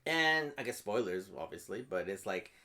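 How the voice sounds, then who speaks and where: A man hosting a podcast, chatting casually and excitedly as he retells movie scenes. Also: on the low side, normal speed. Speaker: podcast host. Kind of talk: casual movie review chat.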